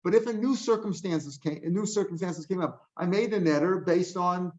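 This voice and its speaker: A man's voice: high-pitched, normal speed. An older man teaching a daily Talmud class, explaining passages line by line in a conversational way with asides and restarts. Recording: dull lo-fi recording.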